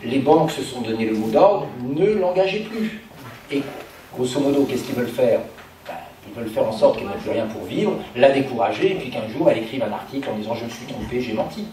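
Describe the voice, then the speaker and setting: A man's voice: mid-range voice, lively intonation, fairly quick, dark tone. A man giving structured, explanatory answers as a political speaker at a public meeting. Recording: very echoey room, distant, faint noise.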